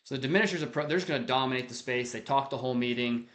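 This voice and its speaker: A man speaking casually and directly as a leadership coach, talking to camera with frequent restarts, often acting out quick lines of dialogue. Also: mid-range voice, a bit bright. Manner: casual, direct, conversational, with frequent restarts and acted-out example quotes. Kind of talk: unscripted talk to camera on leadership.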